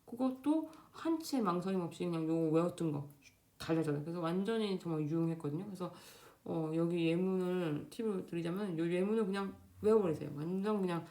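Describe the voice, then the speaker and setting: A young woman talking casually to camera at home, quick and loose with many fillers and restarts. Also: fairly low pitch, mellow. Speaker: Korean doctor in Germany giving exam advice. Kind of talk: casual unscripted vlog talk. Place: home, indoors. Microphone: camera facing speaker.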